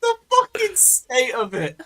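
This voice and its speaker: British male football show host, very animated and forceful, slangy casual banter. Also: extremely high pitch, unhurried. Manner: sweary, slangy, emphatic.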